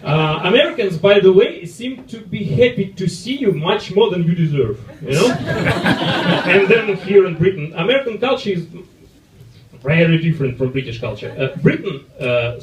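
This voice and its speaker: A man in his thirties with a Russian accent doing a live stand-up set, with a halting, apologetic delivery full of fillers. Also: high voice, very animated. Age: 30s. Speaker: stand-up comedian. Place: comedy club stage. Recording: roomy live club, far mic, loud crowd laughter.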